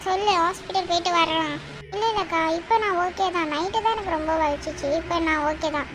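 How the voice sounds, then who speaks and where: A woman voicing a meek, hurt young woman in a cartoon, speaking softly and hesitantly. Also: very high voice, fairly quick, noisy background. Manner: hesitant, soft. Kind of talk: cartoon voice acting. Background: music.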